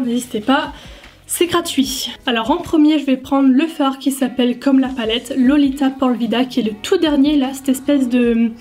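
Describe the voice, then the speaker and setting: A woman's voice: high-pitched, darkish tone. A young French woman chatting casually through a makeup review, thinking aloud with lots of fillers. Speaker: beauty vlogger.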